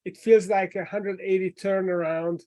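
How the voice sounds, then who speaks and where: High-voiced male podcast host. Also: steady tone, a little mellow. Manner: halting, restarts phrases while asking. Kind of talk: conversational interview questions.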